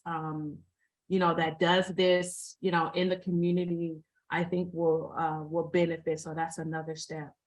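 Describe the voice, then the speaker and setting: Low-voiced woman, halting and filler-heavy. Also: fairly bright tone, low-quality recording. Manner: halting, with frequent fillers and repeated phrases. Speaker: mental health first aid responder, guest speaker. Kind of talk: informal presentation to an online group.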